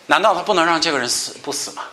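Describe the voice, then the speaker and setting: Bright-voiced man teaching scripture. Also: animated, rapid-fire, slight background noise. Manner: swings between raised emphatic passages and low soft asides; explains scripture verse by verse and poses questions to listeners. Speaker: Bible study teacher. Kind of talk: Bible study sermon.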